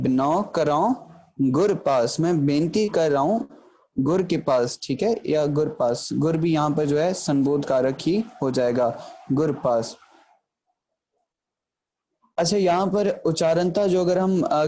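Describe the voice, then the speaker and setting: A man giving an explanatory grammar lecture, patiently checking in with the listener and slowing down to recite verse lines for emphasis. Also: on the high side, warm tone, a little hiss or hum. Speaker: Gurbani grammar teacher.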